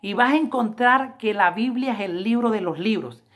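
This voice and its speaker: A woman preaching a Bible lesson review, with emphatic, repetitive appeals to her listeners, slowing down to read scripture. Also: a little high, a bit bright. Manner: slows down to read scripture aloud. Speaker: Adventist Bible lesson teacher.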